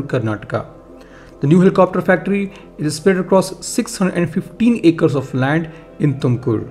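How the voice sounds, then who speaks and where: A man, hosting a defense news channel and reading a scripted update in a steady voice. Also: on the high side. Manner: steady read-aloud delivery, lists of facts. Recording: faint music bed behind voice. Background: faint background music.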